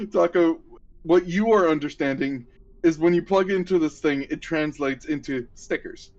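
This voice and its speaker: A man's voice: on the high side, unhurried, long pauses, darkish tone. A man narrating a tabletop game as game master, explaining rules with easy laughter. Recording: dull lo-fi audio.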